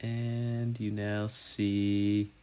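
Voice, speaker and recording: A man's voice: lowish voice, flat delivery, very slow, warm tone, smooth. A man narrating a tabletop game as game master in a casual, descriptive way.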